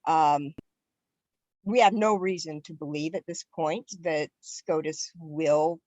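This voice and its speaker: A woman's voice: low-pitched, steady tone, takes it slowly, darkish tone, no echo, dull audio. A woman giving an earnest online webinar presentation for a civic league, stressing key words as she speaks over a video call.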